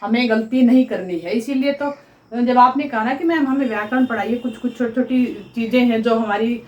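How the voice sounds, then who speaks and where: A woman teaching grammar in a slow, deliberate way. She repeats each sound for pronunciation and checks with her students that they follow. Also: a little high, echoey room, highs cut off. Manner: addresses viewers as students, checking understanding. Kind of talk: classroom-style explanation at a board.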